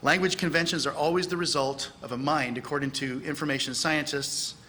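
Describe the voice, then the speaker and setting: A man's voice: fairly high pitch, fairly quick, slight background noise. A middle-aged man giving a lecture to a church audience from the pulpit, acting out bits of dialogue in a raised voice. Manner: animated, acts out dialogue with raised voice. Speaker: speaker at a church conference. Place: large church hall.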